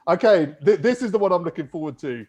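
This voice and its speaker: A man hosting a casual gaming podcast, chatty and quick to laugh. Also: sits high, lively intonation, a little mellow, highs cut off.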